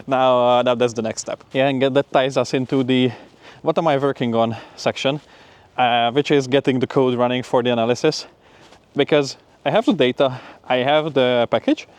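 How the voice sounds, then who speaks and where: Medium in pitch and normal in pace, a young man's voice carries a casual spoken vlog. He's a PhD student giving a friendly, upbeat rundown of his week.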